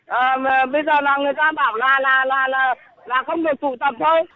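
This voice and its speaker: A woman calling in as an eyewitness, speaking in a halting, indignant way over the phone. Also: high-pitched, fairly even intonation. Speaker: eyewitness caller. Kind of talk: phone interview. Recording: tinny phone line.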